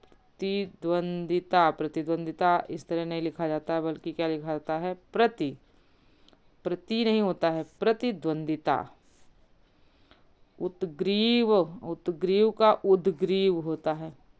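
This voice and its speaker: A woman teaching a spelling lesson, slowly and deliberately breaking words into their parts and asking questions as she goes. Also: low voice, fairly even intonation, a little mellow, clear, resonant tone.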